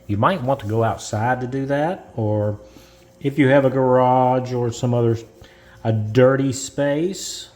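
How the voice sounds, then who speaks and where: A man's voice: medium pitch, a little mellow. A man casually walking through a model-building step, rambling and correcting himself as he goes. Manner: slow, rambling, self-correcting, chuckles. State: coughing from dust. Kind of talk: casual how-to narration.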